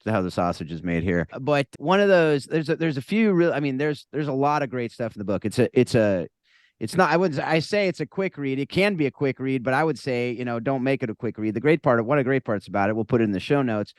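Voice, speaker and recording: A man's voice: mid-range voice, expressive, fast talker, no echo, clean studio sound. A man hosting a podcast, talking casually with many restarts and asides. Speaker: podcast host. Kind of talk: casual interview chat.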